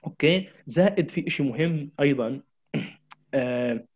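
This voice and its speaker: A man's voice: mid-range voice, expressive, normal speed, muffled recording. A man gives a marketing lecture, addressing his audience directly with urgent, repeated exhortations. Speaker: marketing trainer.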